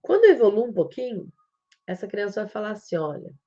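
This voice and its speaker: A woman's voice: medium pitch, very animated, warm tone, dull audio. A woman with a Brazilian Portuguese accent giving a live-streamed talk as an educator, explaining things step by step and acting out how a child talks. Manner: explains slowly, acts out a child's speech. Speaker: psychomotricity educator.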